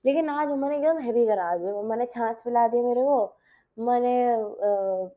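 Here a teenage girl, hosting her own show from home, speaks at a normal speed in a slightly high voice. She keeps it casual, laughs frequently, and slips in English phrases, though the audio sounds dull.

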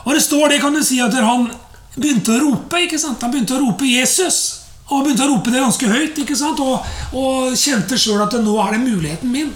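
High-voiced woman preaching in an echoey room. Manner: chatty, full of fillers and rhetorical asides. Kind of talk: conversational sermon.

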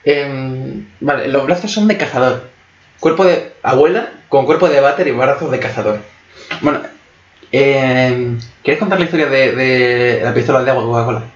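A young man in casual chat, teasing and asking questions. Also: medium pitch. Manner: fast, teasing, asks questions. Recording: echoey room, dull lo-fi sound.

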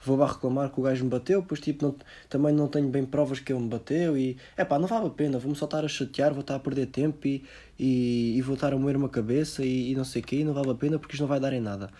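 A man's voice: steady tone, rapid-fire, mellow, close to an everyday voice. Man doing a whimpering Portuguese complainer. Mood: resigned. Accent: European Portuguese. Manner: whimpering, high and breaking. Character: whiny resigned Portuguese complainer, adult.

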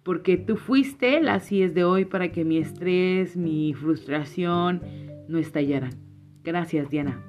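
A woman's voice: lowish voice, a little slow, darkish tone. Earnest woman podcasting over guitar. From Chiapas, Mexico. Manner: earnest, grateful, reflective. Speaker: podcast host. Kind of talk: heartfelt podcast monologue and fable telling. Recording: slightly muffled, faint guitar music.

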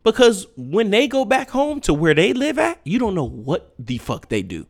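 A man rants on his own podcast, blunt and profane. His voice swoops wildly from low mutters to sharp high jabs. It sits a little higher than most men's. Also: wildly swooping pitch, moderate pace. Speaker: podcast host. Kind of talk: unfiltered solo rant.

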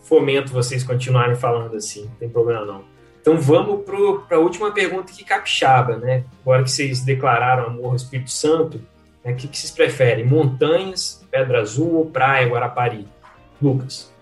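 A man's voice: mid-range voice, animated, a little fast. A man, chatting casually as a podcast co-host. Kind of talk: casual chat. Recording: roomy echo, music behind.

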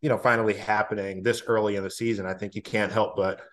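A man's voice: lowish voice, level tone, quick pace, fairly bright tone. A man, a former college basketball player, talking casually as a podcast guest with many fillers and restarts.

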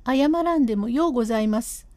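A woman voicing a stubborn, high-voiced wife. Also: animated, fairly quick, dark tone, dry recording, natural voice. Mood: insistent. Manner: insistent, rising and pleading. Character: stubborn, proud wife of a painter. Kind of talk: storybook reading of classic comic storytelling.

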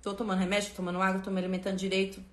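A woman's voice: medium pitch, monotone, rapid-fire, roomy sound, a little hiss or hum. A woman hosting a spiritual lesson on a live stream, speaking fervently and emphatically, repeating phrases and turning to her viewers.

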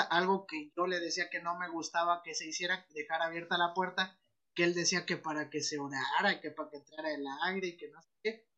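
Laughing man telling a story, bright tone. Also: high-pitched, lo-fi sound. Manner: laughing often, mimicking voices. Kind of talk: casual storytelling.

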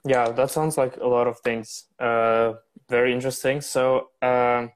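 A young man hosts a casual interview podcast. His delivery is flat in pitch, and his questions come out hesitant and loosely phrased. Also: unhurried. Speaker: podcast host.

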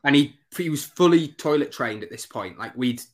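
A man co-hosts a casual podcast, telling rambling stories full of fillers and a bit of swearing. His medium-pitched voice has lively intonation and moves at a normal speed.

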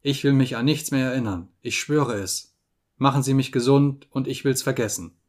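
A man reading an audiobook, voicing a gravely ill detective who speaks weakly but gives urgent orders. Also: medium pitch, normal speed, lightly acted. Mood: faint. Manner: urgent, insistent, giving orders. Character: sick feverish detective, weak but commanding.

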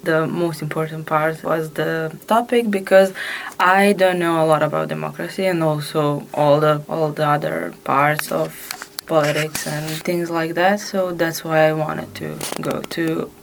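Woman, 20s, Serbian accent. Interview guest, conversational, fairly flat intonation, low register. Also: unhurried, creaky, slight background noise. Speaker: interview guest, youth exchange participant.

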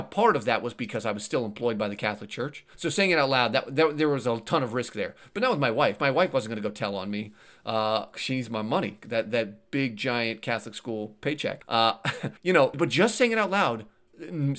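A man speaking as a podcast guest, with a lively voice whose pitch rises and falls widely as he tells stories. He talks earnestly and conversationally, restarts his sentences often, repeats words and laughs lightly as he goes. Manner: laughs lightly while talking. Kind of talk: casual conversational interview.

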